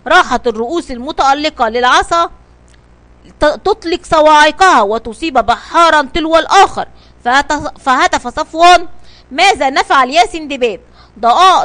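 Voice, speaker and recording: A woman reads an adventure story aloud for children. Her voice is high, and she often stumbles and restarts words as she goes. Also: a bit bright. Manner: reads with frequent slips and restarts.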